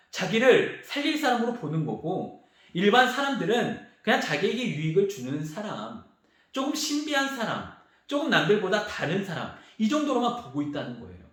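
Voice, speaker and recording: Lively high-pitched man preaching, heavy echo. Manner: animated storytelling, acts out the crowd's and the beggar's cries. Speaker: youth pastor. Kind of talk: sermon to teenagers. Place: large church sanctuary. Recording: very echoey church hall.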